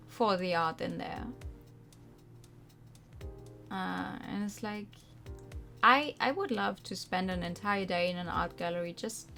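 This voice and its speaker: A young woman streams a visual novel, reading its text aloud and chatting casually between lines, with soft game music playing behind her. Her fairly high voice is animated and informal, full of rambling asides.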